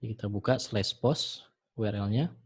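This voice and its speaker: A man teaching programming in a screen-recorded tutorial, talking the viewer through each step in a relaxed way with frequent fillers. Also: on the low side, moderate pace, husky. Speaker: programming instructor.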